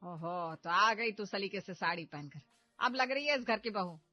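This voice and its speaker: A woman voicing a bossy, sharp-tongued middle-aged mother-in-law who scolds loudly and impatiently in a cartoon story. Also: medium pitch, animated, normal speed, no room sound, lightly acted. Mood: instructing. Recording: slightly dull audio with background music.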